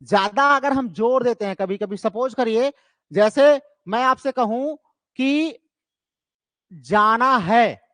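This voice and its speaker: A man with an Indian accent lectures on literature for exam students in a strikingly high voice. He poses a question, answers it himself, and slows down to read the English terms. The sound is close and dry, with no room around it. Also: a bit bright, dry recording. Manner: explains step by step, asks and answers his own questions.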